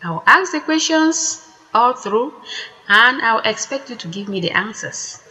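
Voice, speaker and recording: A woman teaching a language lesson, saying each word slowly and deliberately and repeating it twice before explaining it. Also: on the high side, expressive, sharp tone. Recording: echoey room with long reverb.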